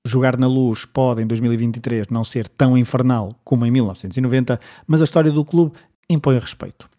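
Quick-paced, mellow male sports narrator. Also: medium pitch. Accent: European Portuguese. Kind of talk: scripted documentary narration.

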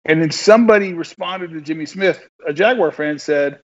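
A man co-hosting casual sports chat on the radio, halting and repeating himself. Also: a little high, highs cut off. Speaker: radio show producer and co-host.

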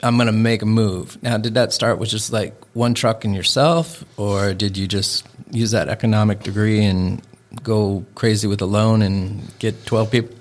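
A man's voice: on the low side, fairly even intonation, normal speed. A man hosting a podcast, chatting casually and asking friendly, leading questions. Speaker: podcast host. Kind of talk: casual conversational interview.

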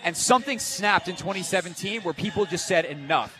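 Broadcasting live from an event, a male sports radio host with a slightly high voice talks fast, emphatically and with animation. Faint music plays in the background.

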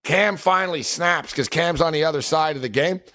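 A man co-hosting a sports betting podcast, his slightly high voice loose and full of laughter. He rambles through stories in a chatty way. The dry, close mic leaves almost no room sound. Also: a little fast, bright, forceful tone, dry recording. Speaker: podcast co-host. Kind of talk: casual sports betting chat.

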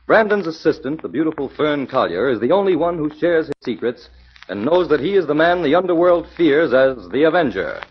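A man's voice: on the high side, big pitch swings, fairly quick. Dramatic old-time radio announcer man. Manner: dramatic, declaiming. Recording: dull 1940s radio with music.

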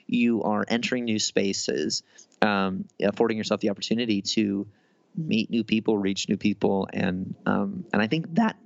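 Brief: thirties man, low gravelly voice, rambling chat with lots of restarts, dry dull lo-fi sound. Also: moderate pace, no room sound. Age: 30s. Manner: rambling, many restarts and fillers. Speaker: guest author. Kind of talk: casual interview conversation.

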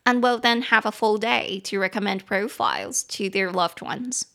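Gravelly-voiced Taiwanese woman teaching English. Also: mid-range voice, pushed and bright. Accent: Taiwanese Mandarin. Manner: chatty, spells out words slowly and repeats them. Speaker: podcast host teaching English. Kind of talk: casual bilingual language lesson.

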